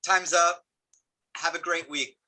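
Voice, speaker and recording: A man's voice: a little high, fairly even intonation, a little slow, bright, forceful tone, poor audio. A man leading a meeting on a video call, talking informally and rambling a bit with restarts. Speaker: meeting facilitator. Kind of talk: casual meeting talk.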